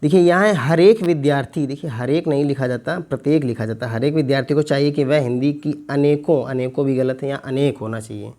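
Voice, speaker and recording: A male teacher working through an exam paper, repeating words slowly to spell them out and asking his viewers questions. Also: mid-range voice, a little mellow. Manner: slow, stretched repetition of words to spell them out; addresses viewers as friends, asks them questions. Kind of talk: exam paper walkthrough lesson.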